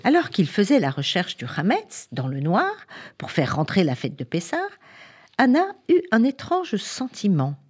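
Husky woman telling a story. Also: mid-range voice, normal speed. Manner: lively, speaks to the audience. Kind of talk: storytelling to listeners.

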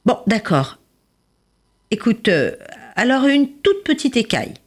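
Haughty vain fish voiced by a woman, indignant, storybook, raised voice, husky. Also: on the high side, sing-song, a little slow, voice pushed up. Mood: grudging. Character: vain, haughty beautiful fish, proud and dismissive.

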